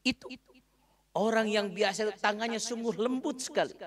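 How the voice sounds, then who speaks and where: A preacher voicing a high, loud blind beggar. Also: male voice, brisk. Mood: awed. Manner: high, loud, emotional cries. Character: blind beggar man, bitter then awestruck.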